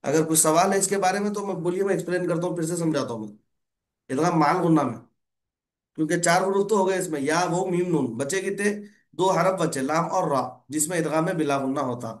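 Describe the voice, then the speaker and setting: A man's voice: on the high side, brisk. A man teaching Quran recitation rules, patiently correcting a student and explaining step by step. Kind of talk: online tutoring lesson.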